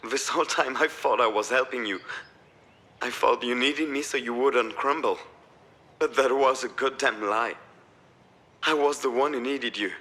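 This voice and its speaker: A man's voice: mid-range voice, moderate pace, long pauses, pushed and bright, natural voice. A man playing a troubled, regretful father. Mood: distressed. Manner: strained, confessional. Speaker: game character. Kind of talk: voiced visual novel acting.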